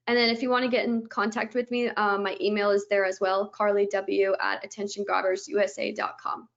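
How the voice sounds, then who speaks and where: A woman's voice: mid-range voice, flat delivery, a little fast, vocal fry, lo-fi sound. A woman, a guest on a webinar, eagerly explaining her product step by step, stringing the steps together with "and then", over a video call.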